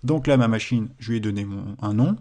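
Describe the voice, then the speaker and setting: A man's voice: fairly low pitch, fairly quick, darkish tone. A man with a French accent, explaining a computing exercise in a screen-recorded tutorial, with hesitations and self-corrections. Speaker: teacher.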